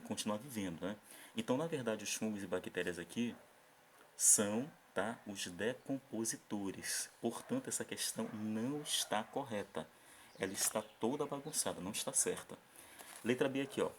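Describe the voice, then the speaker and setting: A man's voice: lowish voice, a little hiss or hum. A Brazilian man teaching a recorded remote class, patiently explaining a worksheet and checking in with short tag questions after nearly every phrase.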